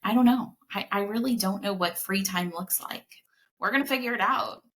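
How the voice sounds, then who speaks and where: A woman's voice: mid-range voice, normal speed, a bit bright. A woman in her early forties, a podcast guest chatting casually and upbeat about her life. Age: 40s. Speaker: podcast guest, senior care advocate. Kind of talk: casual chat.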